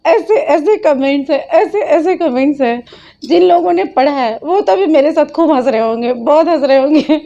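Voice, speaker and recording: High-voiced woman mocking and scolding. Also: expressive, moderate pace, mellow, muffled recording. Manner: scolding, mocking, laughs often. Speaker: channel host. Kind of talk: mocking reaction commentary.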